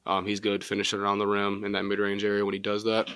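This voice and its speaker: A young man in his twenties, a college basketball player, answers postgame press questions in a measured way, filling pauses with many ums. His voice sits low and stays level, with little rise or fall. The sound is dry and close, from a table mic in a press room. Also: completely flat delivery, a bit bright, smooth, dry recording. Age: 20s. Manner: measured, many filler words. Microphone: table mic in front.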